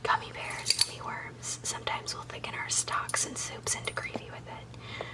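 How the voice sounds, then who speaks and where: A woman speaks entirely in a soft ASMR whisper, sounding a little distant from the microphone. She guides listeners through a recipe as the host, with chatty, instructional asides. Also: moderate pace. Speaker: video host.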